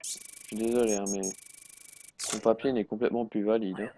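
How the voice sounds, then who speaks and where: A man's voice: lowish voice, little pitch movement, normal speed, warm tone, a little hiss or hum. A man giving live, joking commentary on a game he plays, reading its text aloud with sarcastic remarks. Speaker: gaming streamer.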